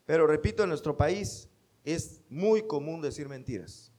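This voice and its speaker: A man's voice: on the high side, expressive, measured pace, darkish tone. A man with a Mexican accent preaching a sermon, emphatic and quoting scripture. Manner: emphatic, quotes scripture, acts out quoted speech.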